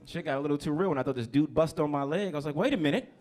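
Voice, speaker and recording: A man's voice: fairly high pitch, very fast, darkish tone. A young adult man from New Jersey doing a stand-up comedy set, loose and crude, teasing the crowd on a handheld mic. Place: comedy club stage.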